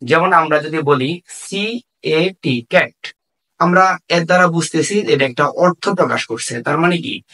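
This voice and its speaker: A man with a Bangladeshi Bengali accent teaching an English grammar lesson, repeating key phrases slowly with fillers. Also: fairly high pitch, sharp tone.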